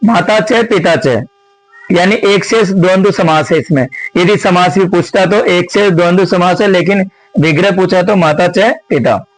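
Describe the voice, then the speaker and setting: A man's voice: high voice, measured pace, no room sound, poor audio. A man teaching Sanskrit, going through exam answers step by step and often asking a question, then answering it himself. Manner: explains step by step, often asks and answers his own questions; addresses viewers as friends. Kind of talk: exam answer-key lesson.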